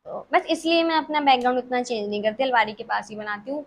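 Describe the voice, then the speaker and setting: A woman's voice: a little high, fast, a little hiss or hum. A woman of twenty, chatting casually as a vlogger answering follower questions in her bedroom, giggly and self-mocking. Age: 20s. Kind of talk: casual chat.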